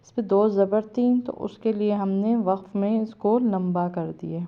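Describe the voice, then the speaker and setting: Woman teacher with a Pakistani Urdu accent, smooth voice, chants each syllable, dull home recording. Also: medium pitch, fairly even intonation. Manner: chants letter sounds slowly, then explains rules quickly. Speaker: Quran reading teacher. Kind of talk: step-by-step spelling lesson.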